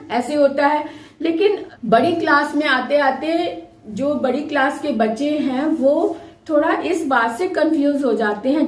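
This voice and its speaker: Woman teacher, high-pitched, patient and repetitive, drawing out sounds for kids; echoey room. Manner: patient, repeats and stretches sounds to demonstrate. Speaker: Hindi teacher. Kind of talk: explanatory lesson for children.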